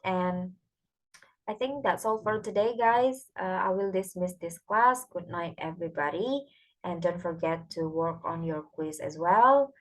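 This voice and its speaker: A woman's voice: lowish voice, takes it slowly, poor audio. Indonesian-accented woman giving a casual lecture. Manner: code-switches between Indonesian and English, relaxed and chatty. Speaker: English lecturer. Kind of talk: recorded online lecture.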